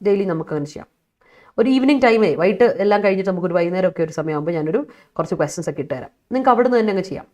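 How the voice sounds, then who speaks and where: A woman's voice: on the low side, expressive, very fast, darkish tone. A woman English teacher from Kerala running a live online vocabulary class, mixing English words into her explanations and laughing as she answers her students. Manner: mixes English words into explanations, reads student chat aloud, laughs often.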